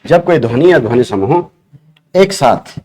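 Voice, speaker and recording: A man with an Uttarakhand accent teaches an exam-prep grammar lesson in an ordinary middle-pitched voice. He works through each point slowly, repeating key terms and asking the class questions as he writes on a board. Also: lively intonation, darkish tone.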